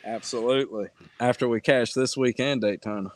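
A man's voice: medium pitch, fairly even intonation, brisk, over a noisy crowd. A man co-hosting a casual podcast, laid-back, chuckling and swearing casually. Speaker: podcast co-host.

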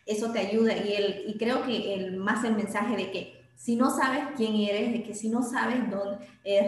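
A woman hosting an interview, reflecting on her guest's story and relating it to her own experience. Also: medium pitch. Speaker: interview host. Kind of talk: conversational interview. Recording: very echoey room.

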